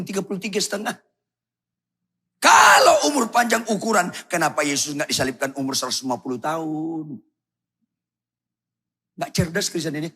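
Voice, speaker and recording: Blunt husky male pastor. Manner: blunt, provocative, shouts and drops low for effect. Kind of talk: sermon.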